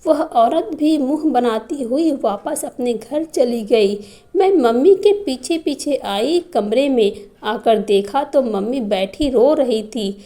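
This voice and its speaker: A woman tells a first-person family story at an unhurried pace. Her voice sits high, yet its tone stays mellow and soft, and the reading remains steady and scripted. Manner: slow, even reading of a family drama.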